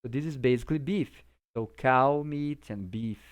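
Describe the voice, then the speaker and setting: A smooth, mid-range male voice at a moderate pace belongs to a Brazilian English teacher, Portuguese being his native language. He gives a relaxed vocabulary lesson with simple explanations, regularly checking that the listener is with him.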